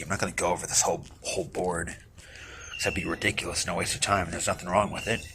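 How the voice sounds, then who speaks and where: A young man in his twenties talks in a deep, gravelly voice, tossing off mumbled asides and casual swears as he works. He is recorded on a camera mic in a backyard, with plenty of outdoor noise behind him. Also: bright, forceful tone. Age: 20s. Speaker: vlogger. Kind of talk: casual rambling commentary while working. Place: outdoors in a backyard under a roof.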